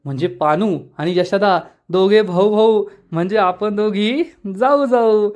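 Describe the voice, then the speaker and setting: A playful young woman teases her future in-laws, voiced lightly by a male narrator. The pitch lifts a little, but the voice stays close to his own. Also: measured pace, a little mellow, highs cut off. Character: cheerful young bride-to-be, playful.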